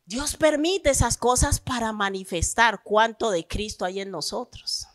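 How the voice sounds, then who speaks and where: A woman pastor, preaching a lively sermon. She asks the congregation questions and acts out believers' complaints. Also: a little high, a little slow.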